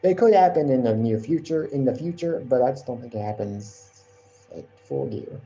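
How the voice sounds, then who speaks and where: A man's voice: mid-range voice, lively intonation, normal speed, gravelly, warm tone, lo-fi sound, slight background noise. A man hosting a wrestling podcast live stream, rambling casually and often repeating and correcting himself.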